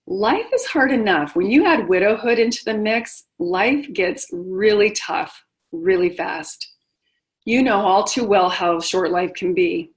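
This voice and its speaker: A woman's voice: medium pitch, expressive, measured pace, rough recording. A middle-aged woman hosting a motivational webinar, speaking directly and encouragingly to her listeners. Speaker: webinar host and widowhood coach.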